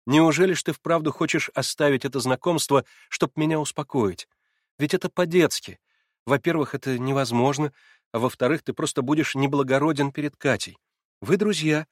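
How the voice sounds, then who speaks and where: A male reader plays a worried young woman, tender and anxious, her lines hurried and pleading. The recording is dry and close. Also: fairly high pitch, no echo, pitched above the performer's own voice, close to an everyday voice. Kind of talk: audiobook character voice.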